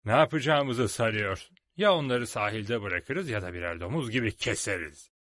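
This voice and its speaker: A man reading aloud gives voice to a cunning one-legged pirate cook who coaxes and schemes in a lively, up-and-down voice. He speaks smoothly, then turns coldly ruthless. The sound is dry and close. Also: lowish voice, normal speed, no room sound. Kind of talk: storybook read-aloud.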